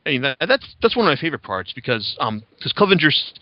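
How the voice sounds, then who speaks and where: A man's voice: on the high side, very animated, fast, no room sound. A man hosting a podcast, chatting casually and reviewing with rambling, profane enthusiasm. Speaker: podcast host. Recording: slightly dull lo-fi sound.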